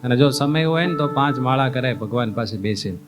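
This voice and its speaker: A man's voice: medium pitch, expressive, brisk. A man giving a sermon as a monk, telling folksy stories, acting out characters and asking his listeners questions. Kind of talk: sermon with storytelling. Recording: music playing behind the voice.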